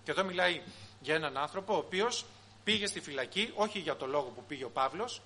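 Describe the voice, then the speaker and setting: A man's voice: on the high side, a little hiss or hum. A man preaching a sermon to his congregation, asking rhetorical questions and briefly acting out the people he quotes. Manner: animated, rhetorical questions, acts out quoted voices.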